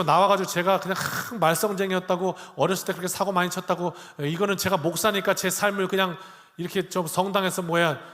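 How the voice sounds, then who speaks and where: A man's voice: sits high, a bit bright, big-room sound. A male pastor preaching a Sunday sermon, dramatic, acting out angry quoted lines and questioning the congregation. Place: church sanctuary.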